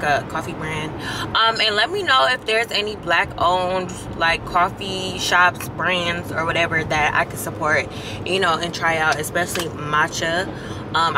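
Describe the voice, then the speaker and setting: A woman in her twenties with an American accent talks in a fairly low voice, as if to friends. Her delivery is chatty, slangy and informal. The recording is a casual car vlog with noticeable ambient noise. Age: 20s. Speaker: vlogger. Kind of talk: casual vlog chat to camera. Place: inside a car. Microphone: handheld or mounted camera at arm's length.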